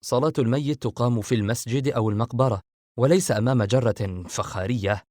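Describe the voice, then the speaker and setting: A man's voice: medium pitch, very animated, quick pace, darkish tone, no room sound, studio quality. A man reading an audiobook, voicing a defiant younger brother who talks curtly and irritably. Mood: irritated. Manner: curt, irritated.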